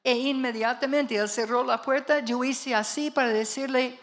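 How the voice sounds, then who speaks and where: Animated woman pastor preaching a sermon. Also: sits high, moderate pace. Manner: animated storyteller, emphatic calls to the congregation. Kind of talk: storytelling sermon. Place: church before a congregation.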